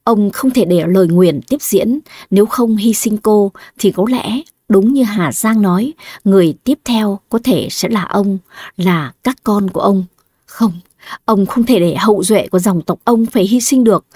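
Audiobook narrator, woman, breathy husky tone, very dry close sound, steady delivery. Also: mid-range voice, dry recording. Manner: steady, measured storytelling. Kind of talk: scripted story narration.

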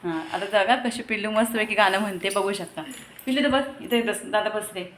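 A young mother from Maharashtra talks to her viewers on a phone camera at home, breaking off to scold her kids. Her voice is bright and clear, with a faint hum of room noise behind it. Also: mid-range voice, a little fast. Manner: chatty, scolding her kids between asides. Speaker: vlogger and mother of two. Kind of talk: casual family vlog chat to viewers. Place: home with a gallery.

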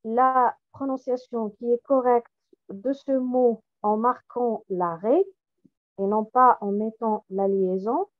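A woman trainer explaining recitation pronunciation, repeating each example word slowly and carefully for contrast. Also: on the high side, fairly even intonation. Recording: tinny phone-like audio.

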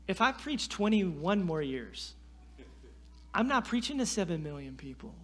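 A man from North Carolina, preaching as a guest speaker and telling a personal story in a lively, self-deprecating way. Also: high voice, unhurried. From North Carolina, USA. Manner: animated, self-deprecating, frequent restarts and fillers. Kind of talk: sermon storytelling. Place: church sanctuary.

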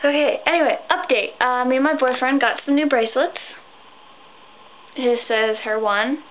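Tired teen girl rambling, tinny sound. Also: a little high. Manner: rambly, tired talk with bursts of squealing excitement. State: tired, sleepy. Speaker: vlogger. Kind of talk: rambling casual vlog. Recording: tinny phone-like sound, faint hiss.

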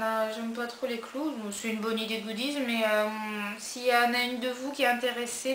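A woman's voice: on the high side, fairly bright tone. A woman chatting casually as she unboxes a monthly beauty box for her viewers, with many hesitations. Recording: echoey room with faint hiss.

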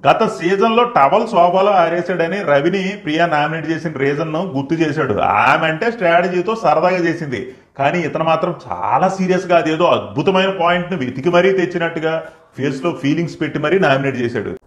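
A man's voice: on the high side, fast, reverberant. A man giving satirical commentary as a channel host, mocking and acting out the quoted lines. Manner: mocking, acts out quoted lines in shifted voices. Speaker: channel host and reality-show critic.

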